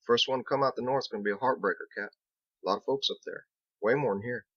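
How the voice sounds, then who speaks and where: In audiobook dialogue, a man with a mid-range voice close to an everyday speaking voice plays Biggs, a friendly, shrugging mason who is folksy and plain-spoken. He drawls rustically and drops words, keeping a candid, folksy mood at a quick pace. The recording is dry and the audio dull.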